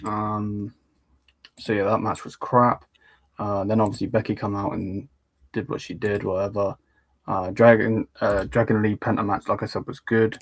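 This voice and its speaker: Man, low monotone, close dry sound, blunt, dismissive, halting, casual review. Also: no echo. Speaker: wrestling podcast panellist.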